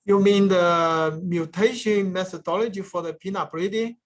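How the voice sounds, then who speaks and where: A man answering questions after his research seminar, speaking haltingly with many restarts and fillers. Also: high-pitched. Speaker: guest speaker, peanut breeding researcher.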